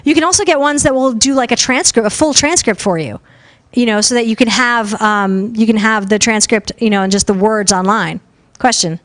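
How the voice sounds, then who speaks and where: A young woman giving a casual live talk at a conference, loud and talkative, with lots of fillers. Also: a little high, fairly quick. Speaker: conference speaker on podcasting. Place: conference room with a live audience.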